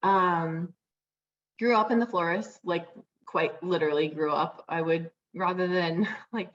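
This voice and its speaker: Chatty young woman, low voice. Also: fairly bright tone, dull audio. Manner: chatty, many fillers like "like" and "um". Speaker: guest, florist. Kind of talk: casual interview over video call.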